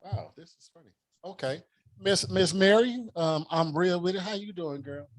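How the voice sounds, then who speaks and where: A man's voice: high voice, normal speed. A man hosting a casual live-stream show, playful and teasing with loose slangy talk. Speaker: show host.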